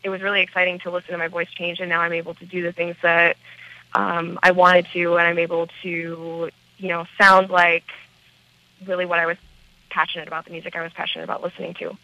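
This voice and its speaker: Raspy American woman, muffled sound. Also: lowish voice, monotone, a little fast, dry recording. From small town in central Wisconsin, United States. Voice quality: raspy, smoky, gravelly voice. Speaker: rock band lead singer, interview guest. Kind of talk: casual interview talk.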